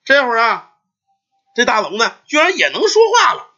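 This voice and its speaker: A man telling a ghost folk tale in a lively, chatty style full of asides. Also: very high voice, normal speed. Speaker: storyteller. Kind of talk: oral folk storytelling. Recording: dull lo-fi recording.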